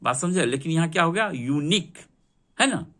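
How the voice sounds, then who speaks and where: A man's voice: fairly high pitch, expressive, normal speed, fairly bright tone. A man teaching English vocabulary to a class, drilling word meanings and asking students to repeat them.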